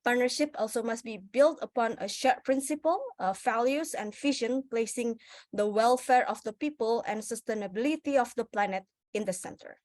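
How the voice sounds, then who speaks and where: A woman's voice: on the high side, normal speed, darkish tone, dry recording. A woman from Indonesia, not speaking her first language, giving a presentation to an audience, with many fillers and restarts. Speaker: speaker presenting on the goals at a festival session.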